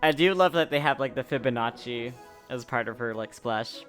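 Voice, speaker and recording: A woman's voice: very deep voice, normal speed, faint music behind. A woman streamer giving casual commentary while she plays a video game.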